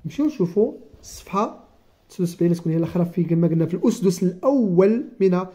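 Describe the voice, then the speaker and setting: A teacher with a Moroccan accent giving a first-grade Arabic writing lesson, slowly sounding out letters and syllables one by one. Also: medium pitch, expressive, warm tone. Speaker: primary school teacher. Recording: dull lo-fi recording.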